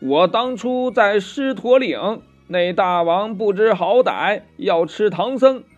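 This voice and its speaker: A small, nervous demon minion chatters a frightened tale in a children's storybook, with a male narrator doing the voice. It sits high and quick-tongued over faint music. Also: expressive, muffled recording, full character voice. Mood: fearful.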